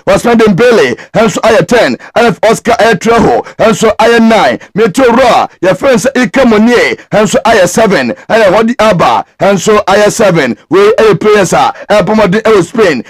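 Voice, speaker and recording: A sports news presenter with a high-pitched voice races through football results and league tables, mixing English words into his speech. The recording has no room sound.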